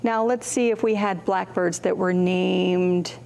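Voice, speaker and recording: Reading picture books aloud to young children, a librarian hosting storytime uses a lowish, gravelly voice at a measured pace, with slight background noise behind her. She is expressive, acts out contrasts vocally, and asks the kids simple questions.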